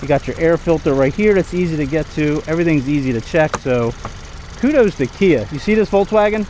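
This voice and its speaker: A man with a somewhat higher-pitched voice talks through a casual car review. He is conversational and opinionated, repeating words to stress a point. The binaural recording carries noticeable background noise from the car and its surroundings. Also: fairly quick, a little mellow, rough recording. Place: in and around a car. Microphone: binaural microphones.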